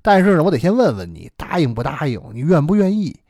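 A man's voice: a little high, very animated, fast talker, a little mellow, no echo, studio quality. A man voicing a kindly elderly neighbor, talking earnestly and fatherly in a storytelling performance. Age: older. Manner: earnest, self-reproaching, fatherly.

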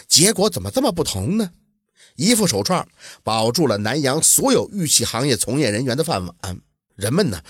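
Man spinning an old folk tale, animated up-and-down voice, husky, dry sound. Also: fairly high pitch, dry recording. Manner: lively, colloquial storytelling. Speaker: storyteller.

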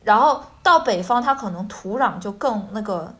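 A woman's voice: medium pitch, expressive, normal speed. A woman hosting a casual language-lesson chat, explaining things and checking in as she goes. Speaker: podcast host.

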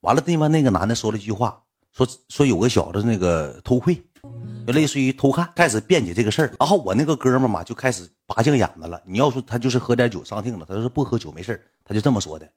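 Husky, lively young man with Northeastern Chinese accent. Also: medium pitch, quick pace. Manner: animated, acts out voices of people in the story. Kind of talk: casual spoken storytelling.

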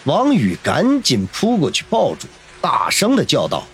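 A man narrating a novel in a dramatic, expressive storytelling voice. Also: on the high side, measured pace, slight background noise. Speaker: audiobook narrator.

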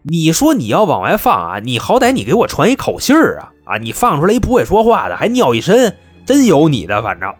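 A man's voice: medium pitch, very animated, brisk, soft background music. A man voicing a male police negotiator who talks in a soothing, wheedling way. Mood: placating.

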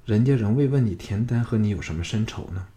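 A man's voice: fairly low pitch, quick pace, dark tone, natural voice. A male reader voicing a curious young male swordsman who asks pointed questions in a storybook reading. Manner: prying, questioning.

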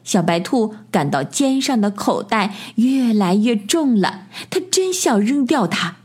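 Woman storyteller for a bedtime tale: unhurried, breathy, very lilting. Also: fairly high pitch, sing-song, darkish tone. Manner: slow, lilting storybook delivery.

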